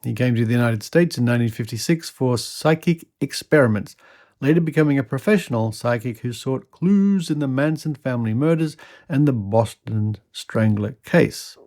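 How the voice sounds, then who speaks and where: A man with a gravelly, creaky voice reads an old article aloud as a podcast host. He is mid-pitched and drops in wry comments between passages. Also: moderate pace, a little mellow. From Australia. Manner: wry asides while reading. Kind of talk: reading an old news article aloud with asides.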